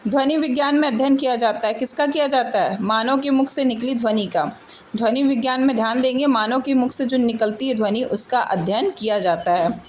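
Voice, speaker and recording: High-voiced woman teacher drilling answers. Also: fairly quick, a little hiss or hum. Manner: asks a question, then answers it herself; repeats answers and adds "ठीक है" checks. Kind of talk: exam-prep lesson going through multiple-choice answers.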